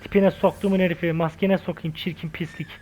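A young man giving casual, slangy gameplay commentary, shouting taunts and swearing during fights. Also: high-pitched, level tone, fast, a little hiss or hum. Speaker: gaming channel host.

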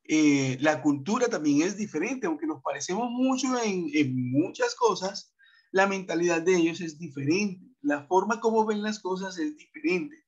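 Brief: coastal man, fairly high voice, teaching on a muffled video call, chatty with many "eh" and "¿sí?" checks. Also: animated, moderate pace, husky. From Montería, Colombian Atlantic coast. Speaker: English teacher. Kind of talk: online class talk.

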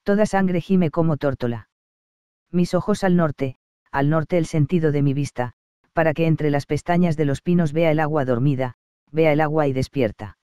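An ecstatic male sun god chants his lines in slow, incantatory verse, as a man reads him aloud. The voice sits slightly high and sounds smooth and resonant. The recording is dry and close for a storybook audiobook. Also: warm tone, no room sound, close to an everyday voice. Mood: rapturous. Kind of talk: audiobook reading of a verse play.

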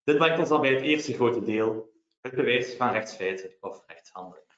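A man's voice: mid-range voice, lively intonation. Belgian man explaining law, roomy webinar sound. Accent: Belgian Dutch. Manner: measured, explanatory, with examples. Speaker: lawyer presenting. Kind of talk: formal legal lecture. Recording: roomy, dull webinar audio.

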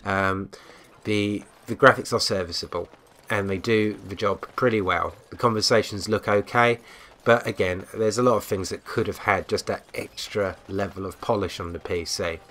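A man's voice: fairly low pitch, steady tone, normal speed, fairly bright tone. A man giving a casual spoken game review, hesitant, with frequent ums and restarts.

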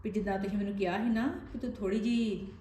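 Mellow-voiced Punjabi woman, echoey room. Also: medium pitch, steady tone, very fast. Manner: chatty on the phone, aggrieved and defensive. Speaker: wife in a family web drama. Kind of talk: scripted family drama. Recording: echoey room with faint background noise.

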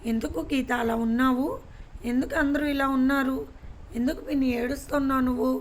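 A woman's voice: high voice, fairly even intonation, fairly quick, slight background noise, lightly acted. A woman voicing an innocent, bewildered young mother in a storybook reading, asking worried questions.

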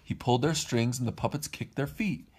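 A man's voice: mid-range voice, a little fast, husky. A man reading a storybook aloud to his kids, putting on voices for the characters. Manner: lively read-aloud, puts on voices for each character.

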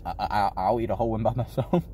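Man, low mellow voice, talks while chewing, loose and casual with fillers, faint outdoor traffic hiss behind. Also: steady tone, fast. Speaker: food vlogger. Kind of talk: casual pizza taste-test review.

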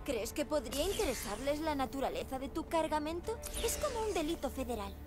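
A woman's voice: sits high, very animated, fairly quick. A sarcastic young woman. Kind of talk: game voice acting. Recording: game audio with loud music.

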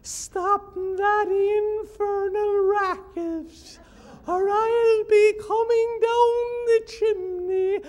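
A man's voice: very high voice, little pitch movement, drawn-out words, a little mellow, voice pushed up, heavily acted. A man voicing an eerie, threatening male spirit calling down from a chimney, in a hall with long reverb. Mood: menacing.

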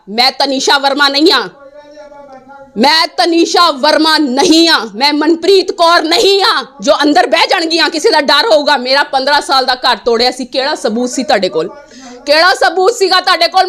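Woman, very high voice, bright and forceful, angry and defiant interviewee. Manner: angry, defiant, repeats herself. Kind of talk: heated interview.

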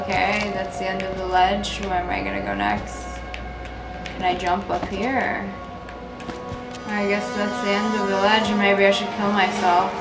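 A young woman playing a horror game, giving casual, scared commentary and muttering to herself as she goes. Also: mid-range voice. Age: young adult. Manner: jumpy, scared reactions mixed with muttering to herself. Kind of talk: casual let's play commentary. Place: small indoor room. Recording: roomy echo, noisy game ambience.

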